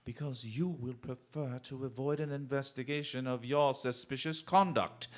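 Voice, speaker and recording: An actor playing Sherlock Holmes as a shrewd, coolly polite detective in a radio drama, with formal, precise diction. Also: male voice, medium pitch, fairly even intonation, normal speed, natural voice. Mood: commanding.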